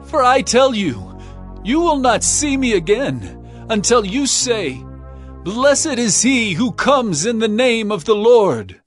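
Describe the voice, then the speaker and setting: An actor playing Jesus as a stern, solemn prophet in a dramatized scripture reading. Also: male voice, extremely high pitch, very animated, takes it slowly, no echo, heavily acted. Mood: anguished lament. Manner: declamatory, solemn, emphatic. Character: Jesus, male prophet, stern, grieving, authoritative teacher. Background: music.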